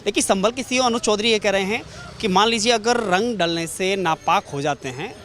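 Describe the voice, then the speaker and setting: A male reporter with a fairly high voice talks quickly as he questions people on a street. He probes, restating the other side's point and rewording his questions to draw out an answer. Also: a bit bright, a little hiss or hum. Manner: probing, rephrases and repeats questions.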